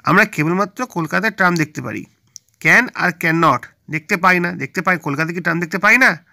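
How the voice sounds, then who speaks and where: A man's voice: high voice, expressive, brisk, vocal fry, bright, forceful tone. A male teacher with a Bengali accent, patiently explaining a children's English workbook and asking and answering his own questions.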